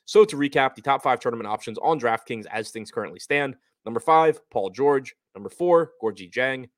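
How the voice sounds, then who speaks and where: A man's voice: mid-range voice, animated, fairly quick, dry recording, studio quality. A man hosting a fantasy basketball show, counting down ranked picks and reciting figures in commentary style.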